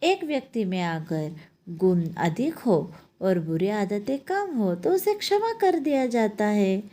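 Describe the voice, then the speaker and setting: Woman voicing a kind moon uncle, gently preaching, slow, expressive. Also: medium pitch, pitched above the performer's own voice. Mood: gentle. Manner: gentle, lecturing. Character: kindly wise male moon uncle.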